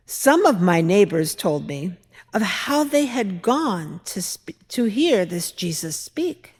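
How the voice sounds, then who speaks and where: A dramatic reader at a church service performs a monologue as a doubtful older mother-in-law from biblical times, recalling her memories in a measured, expressive, reflective way. Her voice is medium-pitched. The large church interior gives the recording a long, echoing reverb.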